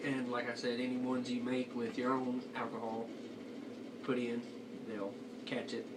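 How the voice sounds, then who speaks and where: A man's voice: mid-range voice, completely flat delivery, measured pace. A young man giving a casual review as he chats, talking with a lip full of dip. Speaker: amateur product reviewer. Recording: noisy, distant home video microphone.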